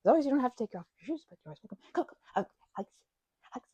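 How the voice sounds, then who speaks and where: Playing the listener's best friend in an ASMR roleplay, this woman chats in a high, husky voice at rapid-fire speed. She's bubbly and expressive, wandering off and changing course mid-thought, and the audio sounds dull.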